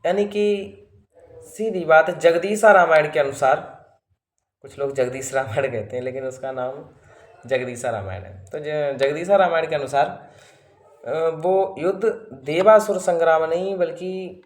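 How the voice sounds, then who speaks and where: Guy preaching a story sermon, acts out the lines, bit high voice, roomy echo. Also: measured pace. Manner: recounts an epic in a lively way, voicing the characters' dialogue. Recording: echoey roomy sound.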